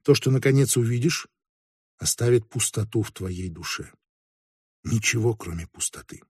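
A man reading the lines of a mysterious clairvoyant woman in an audiobook, speaking softly and quietly. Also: fairly low pitch, expressive, normal speed, breathy edge, no room sound, clean studio sound. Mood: hushed, knowing. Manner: quiet, soft-spoken.

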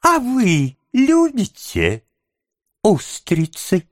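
A man voicing a whining, cowardly young male apprentice in a high, plaintive voice in an audiobook. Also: huge pitch swings, very slow, no echo, clean studio sound, exaggerated voice. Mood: fawning. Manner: whiny, high-pitched and plaintive. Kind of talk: audiobook character voice.

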